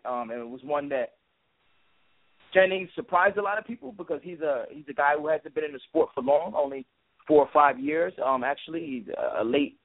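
A man giving conversational sports analysis as a boxing pundit, in a halting delivery full of filler words. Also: a little high. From Brooklyn, New York. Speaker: guest boxing writer and analyst. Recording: tinny phone-like line.

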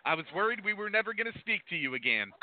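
A man's voice: high voice, very animated, quick pace, no echo. A man hosting a live internet wrestling radio show as its presenter. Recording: dull, muffled lo-fi audio.

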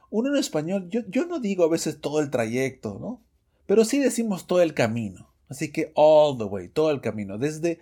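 A man teaching English phrases in a Spanish-language lesson podcast, lively and self-correcting, reading the example sentences slowly. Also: fairly high pitch. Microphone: studio microphone, audio only.

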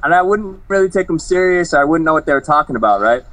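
A man's voice: a little high, expressive, fast talker, fairly bright tone, dry recording, low-quality recording. A man, a fighter, chatting casually in an interview in a laid-back, rambling way full of slang and fillers.

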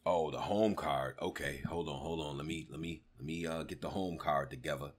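A man's voice: extremely low pitch, a little fast. A man hosting a casual talk show, commenting in slang and repeating phrases for emphasis. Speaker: host of a battle rap talk show.

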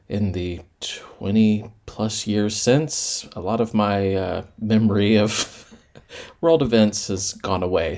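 A man co-hosts a casual podcast in an easygoing way, often laughing at himself. His voice sits on the low side. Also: a little mellow. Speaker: podcast co-host.

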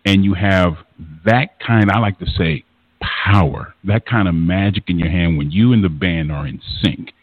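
Man, host, very deep voice, dry, phone-line sound, earnest long questions. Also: moderate pace, slightly rough, no room sound. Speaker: interview host. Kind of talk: interview questions.

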